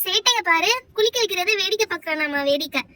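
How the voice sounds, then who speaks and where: A woman's voice: very high voice, animated, fast, bright, forceful tone. A woman with a Tamil accent narrating a doll play as a fussing, teasing mother who scolds the children.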